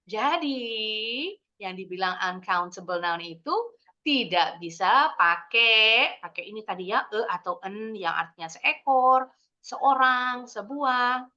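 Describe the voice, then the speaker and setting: In this online English class for kids, a young Indonesian-accented teacher explains in a lively, sing-song style and keeps asking the children quick questions. Her voice is bright, forceful and fairly high. The video call audio is dull and lo-fi.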